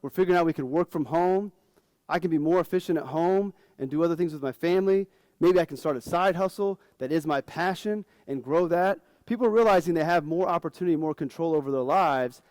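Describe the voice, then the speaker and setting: A man's voice: fairly high pitch, darkish tone, dry recording. A man in his forties, a financial advisor, giving a casual, frank conference talk to fellow advisors.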